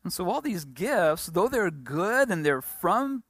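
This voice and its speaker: A woman explains scripture in short stretches, stumbling and restarting as she goes. Her voice sits low and the sound is dry. She waits between phrases for her interpreter. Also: very animated, dry recording. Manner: halting, many fillers and restarts. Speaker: preacher. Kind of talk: Bible teaching with live interpreter.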